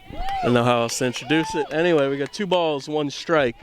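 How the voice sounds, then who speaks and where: A young man, doing offhand, self-deprecating live commentary of a softball game from outdoors on a headset mic. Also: on the high side, wildly swooping pitch, a little fast, background noise. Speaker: camera operator and commentator. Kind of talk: casual live sports commentary.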